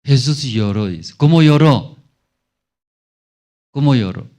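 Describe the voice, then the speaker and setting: Slow, lively-voiced man preaching. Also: medium pitch. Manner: asks the congregation many questions, slow and lively. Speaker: pastor. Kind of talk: Sunday sermon with call-and-response. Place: church.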